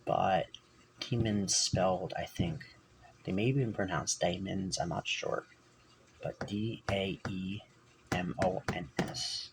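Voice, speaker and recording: A man with a deep, gravelly voice rambles through a personal vlog. He keeps stopping to correct himself and drifts off topic. The camera mic picks up a faint hiss of room noise behind him. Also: slow, rough recording. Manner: rambling, self-correcting, digressive. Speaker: vlogger.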